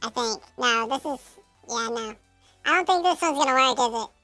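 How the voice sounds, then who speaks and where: A man talking through a pitched-up voice changer, unsure as he tests filter presets. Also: moderate pace, bright, forceful tone, faint music behind. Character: squeaky high filtered male streamer voice. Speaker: streamer.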